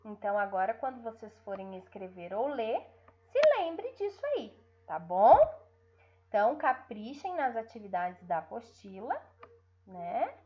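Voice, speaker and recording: A woman's voice: mid-range voice, sing-song, dull audio. A woman teacher with a Brazilian Portuguese accent giving an online lesson to young pupils, stretching out syllables and often checking in with her listeners. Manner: drawn-out syllables, frequent checking tags.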